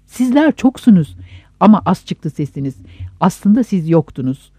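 Earnest reader with a mellow voice. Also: medium pitch, big pitch swings, moderate pace, husky, no echo, clean studio sound. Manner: earnest, reflective, addressing listeners directly. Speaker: reader of a reflective essay book. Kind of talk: measured reading aloud of prose.

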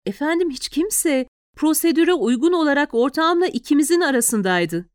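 A woman's voice: high voice, lively intonation, moderate pace, no echo, clean studio sound, pitched above the performer's own voice. A woman reading an audiobook, voicing a nervous young male police officer who explains himself anxiously and deferentially to his superior.

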